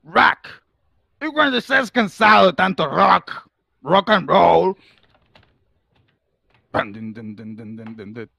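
A man voicing a drawling male rock radio announcer in a parody jingle, stretching each word with a gravelly voice. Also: high-pitched, animated, slow pace, long pauses, sharp tone, no echo, voice pushed up, full character voice. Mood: grandiose.

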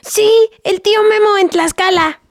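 A woman playing a sensitive little girl with a Mexican accent and a tiny, very high voice. She asks soft, whiny questions, curious and close to tears. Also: steady tone, normal speed, no echo.

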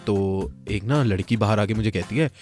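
A man's voice: lowish voice, normal speed, a little mellow, soft background music. A young man hosting a casual chat, telling crude school stories and laughing often.

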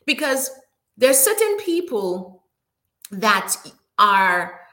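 A woman's voice: medium pitch, very animated, takes it slowly, pushed and bright. A woman hosting a faith-based talk show, preaching to her viewers in a live chat, repeating and restarting her words as she calls out to them.

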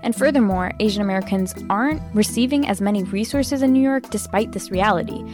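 A woman's voice: mid-range voice, brisk. Earnest woman hosting an explainer. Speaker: host. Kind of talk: scripted explainer narration. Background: faint background music.

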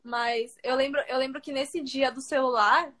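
A young woman with a high voice tells stories in casual chat. She acts out every quote and throws in sound effects as she goes. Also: fairly even intonation, moderate pace, pushed and bright. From São Paulo, Brazil.

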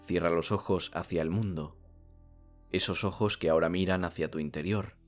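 A man with a low voice leads a sleep relaxation like a sleep story narrator, calm and soothing, leaving long pauses between phrases while soft music plays behind him.

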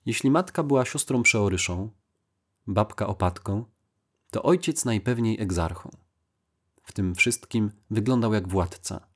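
A man narrating a literary short story as an audiobook reader, with a measured, even delivery. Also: on the low side.

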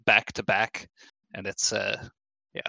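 A man's voice: fairly low pitch, flat delivery, takes it slowly, gravelly, sharp tone, dry recording, rough recording. A young man co-hosting a casual podcast chat about games, rambling with frequent restarts. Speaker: podcast co-host.

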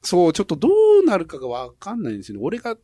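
A man's voice: fairly high pitch, big pitch swings, rapid-fire, dark tone, breathy edge, dry recording, studio quality. A middle-aged Japanese man hosting a casual radio chat, explaining at length in a rambling way with frequent chuckles. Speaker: radio show host.

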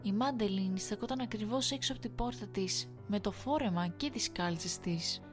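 A woman reading a first-person horror story aloud in a measured, suspenseful storytelling manner. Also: mid-range voice, music in the background. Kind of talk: scripted horror story narration.

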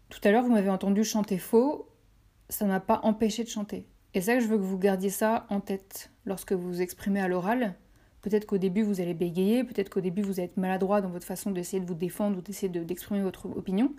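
A woman's voice: medium pitch, steady tone, fairly quick, mellow. A French woman hosting a podcast, speaking directly to listeners in an encouraging way and repeating phrases for emphasis. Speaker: podcast host. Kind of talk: motivational podcast talk.

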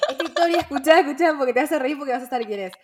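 A woman's voice: high voice, very fast. A young woman with a Rioplatense Spanish accent, hosting a casual podcast chat, slangy and full of fillers and laughing asides. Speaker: podcast host.

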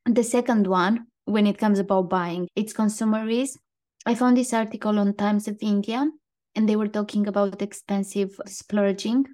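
A woman's voice: mid-range voice, steady tone, normal speed, dark tone. A woman co-hosting a casual podcast, talking in an easy chat and reading quotes aloud. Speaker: podcast co-host.

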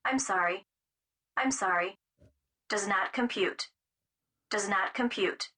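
A woman's voice: medium pitch, slow, pushed and bright, far from the mic. A woman voicing a malfunctioning, glitching robot that repeats its error phrases in a stuttering, mechanical way, played as a sound clip. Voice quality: stuttering, repetitive mechanical delivery.

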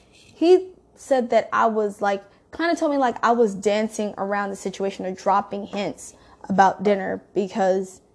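A woman telling a story in a casual, rambling way, swearing freely. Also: mid-range voice. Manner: profane, rambling, animated storytelling.

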